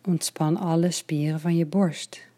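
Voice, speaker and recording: A woman leading a guided relaxation, her voice low and mellow. She talks slowly and softly, sometimes dropping to a whisper. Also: steady tone. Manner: slow, soft and soothing, partly whispered.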